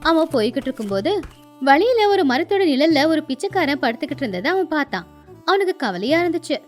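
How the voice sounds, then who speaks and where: A woman telling a moral story in storybook narration, clear and measured. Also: high voice, big pitch swings, soft background music.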